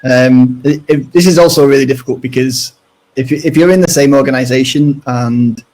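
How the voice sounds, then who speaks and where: A man's voice: medium pitch, a little mellow, poor audio. A man speaking as a guest on a webinar, talking casually with a lot of restarts, fillers and hedges. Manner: halting, full of restarts and fillers.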